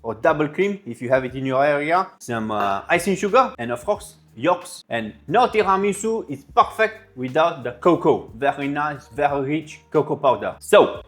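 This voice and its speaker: A man in his thirties with a French-style foreign accent talks through a recipe like a playful chef. His voice sits a little high for a man. He is casual and jokey, and music plays behind him. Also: expressive, moderate pace. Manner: playful, joking, with French interjections. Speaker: cooking show host. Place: indoor kitchen with steel fridges.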